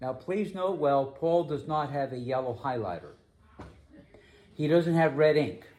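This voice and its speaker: A man preaching a sermon as pastor, emphatic, slowing down to stress key phrases. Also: on the high side, expressive, a little mellow.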